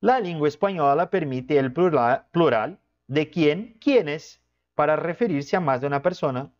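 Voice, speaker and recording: Animated man teaching. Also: a little high, normal speed. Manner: explanatory, keeps checking in with "tá?" and "ó". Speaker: Spanish teacher. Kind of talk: exam question walkthrough lesson. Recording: dull lo-fi recording.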